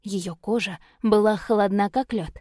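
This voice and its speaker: A woman's voice: medium pitch, dry recording. Woman narrating a fantasy audiobook, dry. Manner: even, measured reading. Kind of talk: scripted narration.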